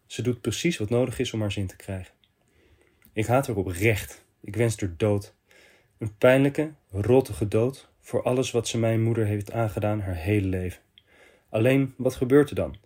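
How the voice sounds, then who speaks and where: A man hosting a podcast, reading a listener's confession letter aloud in short, measured phrases. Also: fairly low pitch, darkish tone, slightly rough.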